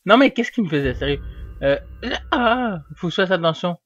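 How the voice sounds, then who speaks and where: A young man talks his way through a game in a loose, rambling stream. He easily bursts into yelling at what happens on screen. His slightly high voice comes through a dull, dry home microphone. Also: expressive, moderate pace, dry recording. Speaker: gamer. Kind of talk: casual gameplay commentary. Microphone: desk microphone.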